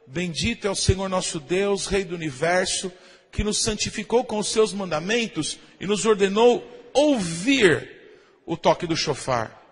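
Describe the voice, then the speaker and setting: A Brazilian pastor preaching a sermon, often asking the congregation "amém?" and imitating shofar blasts. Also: male voice, high-pitched, lively intonation, a little slow, slightly rough, long reverb tail. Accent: Brazilian Portuguese.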